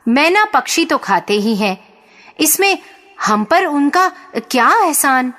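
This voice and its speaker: A woman's voice: big pitch swings, takes it slowly, fairly bright tone, long reverb tail, heavily acted. A woman voicing a complaining farmer's wife and mother who is fed up with her children. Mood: scornful. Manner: shrill, complaining.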